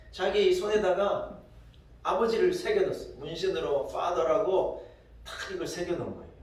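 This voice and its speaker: A male pastor preaches with a fairly high, emphatic voice that swells into loud declarations. The sound rings heavily around a large, reverberant church. He is picked up from well off the microphone. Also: far from the mic. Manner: emphatic, builds to loud exclamations. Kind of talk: sermon. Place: church sanctuary. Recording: very echoey hall, voice from afar.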